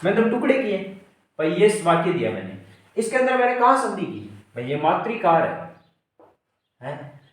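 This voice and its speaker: Male exam-prep tutor, higher-pitched, drills word parts slowly and repeats himself. Recorded in a very echoey room, away from the mic. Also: sing-song, far from the mic. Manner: repeats questions and answers them himself. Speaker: teacher. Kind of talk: exam-prep grammar lesson.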